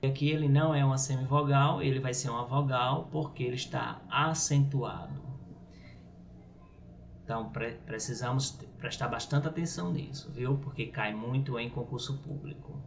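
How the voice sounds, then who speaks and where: A man's voice: mid-range voice, normal speed, vocal fry. A Brazilian man teaching a grammar lesson, explaining step by step and checking in with "right?" and "ok?". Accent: Brazilian Portuguese. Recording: echoey room with faint noise.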